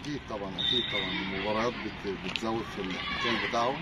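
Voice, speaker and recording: A man's voice: on the low side, fairly even intonation, rapid-fire. A man with an Egyptian accent answering as a player's father, with plain, approving remarks. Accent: Egyptian Arabic. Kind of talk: interview answers. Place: outdoor football ground. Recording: outdoor recording amid loud crowd.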